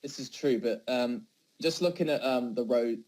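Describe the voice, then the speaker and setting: A man's voice: mid-range voice, normal speed, a little mellow, poor audio. A young man in a casual football debate, thinking aloud with hesitant fillers. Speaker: podcast debater.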